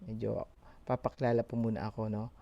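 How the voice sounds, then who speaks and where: A middle-aged Filipino man giving an informal, halting sermon, his speech slightly slurred from a swollen mouth after having a tooth pulled. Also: fairly low pitch, level tone, gravelly, warm tone, dull audio. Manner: halting, hesitant. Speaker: church member giving a short sermon. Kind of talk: informal sermon in mixed Tagalog and English.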